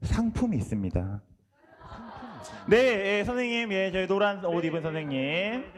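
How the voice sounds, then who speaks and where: A man's voice: sits high, sing-song, moderate pace, faint music behind. A male instructor politely wrapping up a training session for catechists and hosting questions. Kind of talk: lecture to teacher trainees.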